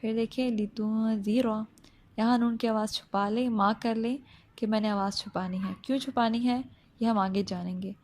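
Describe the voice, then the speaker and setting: A woman's voice: fairly high pitch, fairly even intonation, darkish tone, slight background noise. Patient woman teaching Quran recitation. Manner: slow drawn-out recitation, then plain step-by-step explaining; patient, often checks with the listener. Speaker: tajweed teacher.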